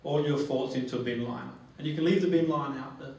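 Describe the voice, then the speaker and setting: A man's voice: mid-range voice, fast, creaky, a little mellow. Man, therapy trainer, instructive, repetitive phrasing, heavy room echo, distant microphone. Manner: instructive, repeats phrases and checks with "okay". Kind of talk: live training demonstration with guided relaxation. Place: echoey training room with a group. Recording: very echoey, distant mic, faint noise.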